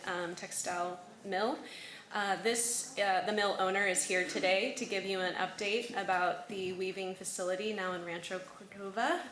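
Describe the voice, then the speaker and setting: A woman hosting a community meeting, addressing the gathering in measured phrases with pauses. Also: mid-range voice, a bit bright. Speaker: host introducing speakers. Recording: echoey room, faint noise.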